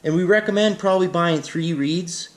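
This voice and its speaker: A man's voice: high voice, moderate pace. A man giving a casual, plain-spoken, unscripted hands-on tutorial as an instructor. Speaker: instructor in a how-to demonstration.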